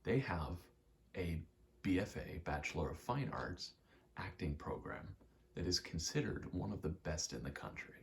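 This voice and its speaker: With a deep, expressive voice at a moderate pace, this American man in his 20s rambles through a candid ASMR chat and swears occasionally. He's an aspiring actor who makes ASMR rambles, and the recording has a little hiss or hum.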